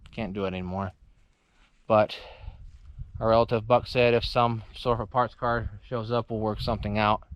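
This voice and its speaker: A man talks his way around an old truck in a casual vlog, rambling and thinking aloud with plenty of "uh" and "you know." His voice sits at an ordinary middle pitch. A faint hiss of noise runs behind him. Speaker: channel host.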